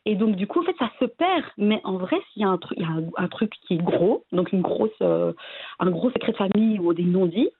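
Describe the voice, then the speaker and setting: A woman from Belgium, a guest talking casually and hesitantly about her family, with many pauses and restarts. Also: medium pitch, expressive, breathy edge, dry recording. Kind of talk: casual interview conversation. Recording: tinny phone-like line.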